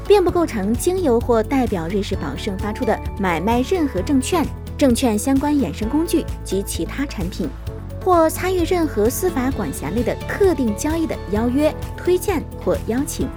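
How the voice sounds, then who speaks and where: A woman's voice: sits high, normal speed, over music. A woman reading a formal podcast outro and legal disclaimer. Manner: formal, even announcing. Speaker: podcast announcer.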